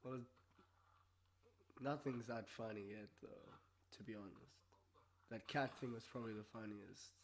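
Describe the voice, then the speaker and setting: A man hosting a casual solo vlog, talking and reacting in a low-key, low-energy way while a bit under the weather. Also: fairly even intonation, moderate pace, pauses often, slight background noise. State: a bit sick. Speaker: video show host.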